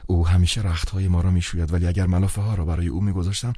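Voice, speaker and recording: A man voicing a young woman in an audiobook, tearful and devout, speaking softly with a slightly raised voice. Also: low-pitched, little pitch movement, husky, dry recording, studio quality. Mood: tender.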